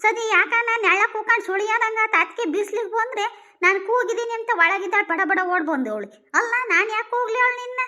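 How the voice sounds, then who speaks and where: A very high-voiced woman plays a village mother-in-law in a comedy sketch. She talks in a complaining, hard-of-hearing way. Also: fast talker, sharp tone. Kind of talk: rural comedy sketch dialogue.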